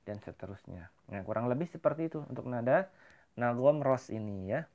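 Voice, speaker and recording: A man's voice: mid-range voice, expressive, narrow, tinny audio. A man with an Indonesian accent teaching Quran recitation to children in an online lesson, explaining plainly and asking questions he then answers. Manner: explains plainly, then chants verses slowly with rising and falling melody.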